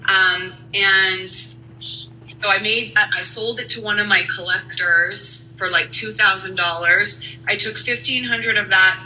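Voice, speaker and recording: A woman's voice: medium pitch, fairly even intonation, takes it slowly, bright, forceful tone, slight background noise, rough recording. A Canadian woman in her forties, a musician guest on a podcast, talking in a rambling way and correcting herself as she goes. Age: 40s. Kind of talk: podcast interview.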